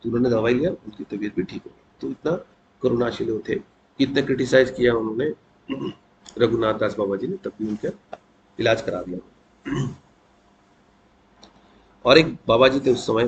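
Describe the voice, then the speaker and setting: A man giving a conversational devotional talk, telling a saint's story and often clearing his throat. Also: medium pitch, moderate pace. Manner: conversational, mixes English words into Hindi. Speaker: devotional speaker. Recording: dull lo-fi with faint noise.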